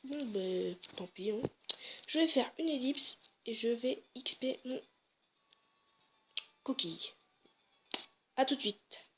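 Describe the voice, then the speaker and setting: A woman's voice: a little high, expressive, takes it slowly, long pauses, over music. A woman casually commenting on her game, chatty and hesitant, often correcting herself. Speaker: let's play gamer.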